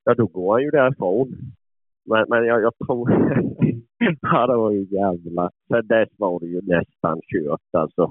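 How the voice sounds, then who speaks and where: A man's voice: fairly low pitch, no echo. A man, a dog owner and hunter, telling rambling stories in a casual way, swearing often and chuckling as he goes. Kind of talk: casual storytelling. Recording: phone-like lo-fi, dry.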